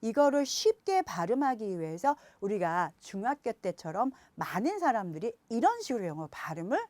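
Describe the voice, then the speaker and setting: A woman teaching phonics to parents, speaking to viewers directly and slowing down to sound out example words. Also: mid-range voice, very animated, a little mellow, no room sound. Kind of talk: explanatory lesson.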